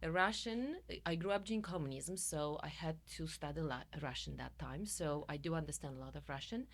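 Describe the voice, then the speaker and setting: The guest, a Polish-accented coach and musician from Poland in middle age, speaks briskly in a low voice. She's expressive throughout the interview and laughs a lot.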